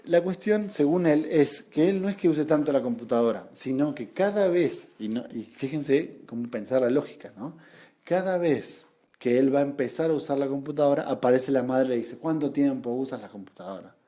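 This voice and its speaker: Mellow-voiced Argentine man lecturing. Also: mid-range voice, normal speed. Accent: Argentine Spanish. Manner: rhetorical tag questions, repeats for emphasis. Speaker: psychoanalysis study group teacher. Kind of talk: explanatory seminar lecture.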